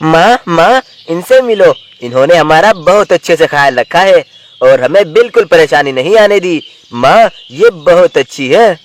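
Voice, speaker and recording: A woman's voice: lowish voice, animated, moderate pace, pitched below the performer's own voice, close to an everyday voice. A woman voicing two small, sad tiger cubs calling for their mother. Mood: eager. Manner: plaintive, childlike.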